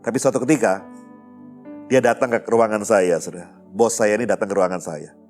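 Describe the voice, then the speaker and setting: A man's voice: fairly low pitch, brisk, a little mellow, faint music behind. A male pastor, telling a personal story in a conversational sermon and often turning to address his listeners.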